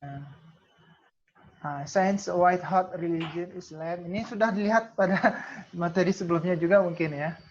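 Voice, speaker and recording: A woman tutor leads an online class over a video call, her voice sitting a little low. She keeps the talk moving with fillers and answers her own questions. The call audio sounds dull and lo-fi. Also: unhurried, darkish tone, a little hiss or hum. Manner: calls herself Kakak, many "nah" fillers, asks and answers own questions.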